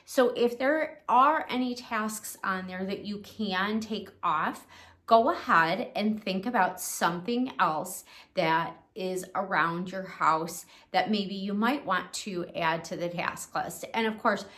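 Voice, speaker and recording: A woman's voice: medium pitch, takes it slowly, fairly bright tone. A woman who hosts a cleaning channel, talking to camera in a casual, encouraging way with frequent ums and restarts. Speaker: cleaning coach and host. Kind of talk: casual instructional talk to camera.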